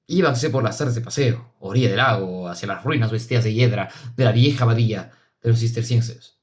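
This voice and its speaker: A male narrator reading a classic novel aloud, measured and solemn, with expressive phrasing. His voice sits at an ordinary middle pitch for a man. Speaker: audiobook narrator. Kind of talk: literary audiobook narration.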